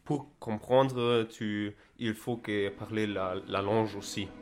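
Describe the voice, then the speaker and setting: A young man from Germany with a German accent touched by Spanish, speaking broken, halting non-native French in a casual interview, often repeating and searching for words. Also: on the low side, steady tone, faint music behind. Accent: German with Spanish influence. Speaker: interviewee recounting travels.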